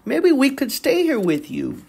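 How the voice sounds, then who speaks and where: A woman reading a storybook aloud and voicing Rudolph, a shy young male reindeer fawn, in a high, earnest voice. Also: very animated, unhurried, creaky, mellow, heavily acted. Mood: hopeful.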